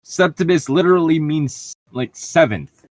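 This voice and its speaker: Fairly high in pitch, his voice moves at a measured pace with no echo. A podcast host reading fan fiction aloud, he riffs casually in between lines, sounding exasperated and sarcastic and swearing often.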